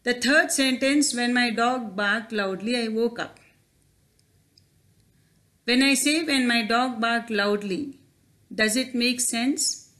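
A woman's voice: on the high side, slow pace, pauses often, a bit bright. A woman teacher, explaining grammar over slides in a careful, questioning way. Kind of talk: slide-based grammar lesson.

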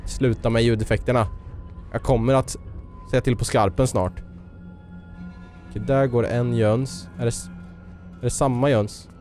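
A man's voice: mid-range voice, steady tone, long pauses, a little mellow, faint music behind. Swedish-speaking man, jokey gaming commentary. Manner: jokey, chatty, tosses in mock-English quips. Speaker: gaming video host. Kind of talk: casual let's play commentary.

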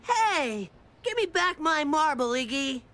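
A woman's voice: high voice, sing-song, slow pace, noisy background, heavily acted. Tubby, a bossy little boy. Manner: bossy and scheming. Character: bossy chubby boy clubhouse leader. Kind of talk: cartoon voice acting. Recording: cartoon with music behind.

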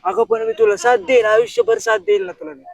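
A man's voice: extremely high pitch, fast, creaky, low-quality recording. Young man, pleading. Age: young adult. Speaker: college boy in a comedy sketch. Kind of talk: acted comedy sketch dialogue.

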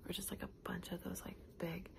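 A woman whispering gently and reassuringly through an ASMR video, speaking directly to the listener as if fixing their hair. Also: lowish voice, level tone, brisk, vocal fry, background noise. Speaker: ASMR creator. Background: passing car.

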